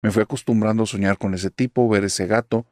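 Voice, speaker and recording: A man reads a listener's horror story in the first person, in an even, steady storytelling voice. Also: fairly low pitch, a little fast, no room sound, clean studio sound. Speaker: narrator.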